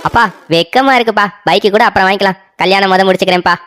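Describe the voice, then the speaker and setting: A woman's voice: medium pitch, rapid-fire, fairly bright tone, faint music behind, lightly acted. A woman voicing a naive, easily swayed grown son in a cartoon story, with whiny, pleading requests. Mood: eager.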